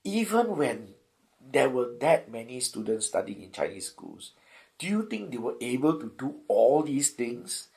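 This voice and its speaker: Middle-aged Singaporean lecturer, gravelly and relaxed, interview answers with lots of restarts. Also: male voice, mid-range voice, unhurried. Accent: Singaporean English. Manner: thoughtful, many restarts and rhetorical "right?".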